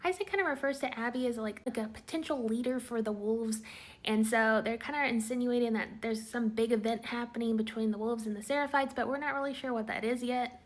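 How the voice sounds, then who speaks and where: A woman recapping a TV episode in a casual, chatty way, full of "like" fillers and quick quoted lines. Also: a little high, steady tone. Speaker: TV recap vlogger.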